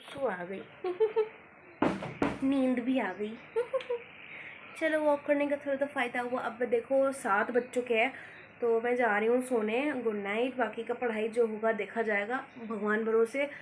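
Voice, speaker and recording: A woman's voice: fairly high pitch, measured pace, noisy background. A teenage girl chatting casually in a student vlog, self-mocking and switching between Hindi and English as she walks outside and later talks at home. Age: teens. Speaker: student vlogger. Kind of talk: casual Hinglish vlog chat. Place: outdoors on a morning walk, later at home.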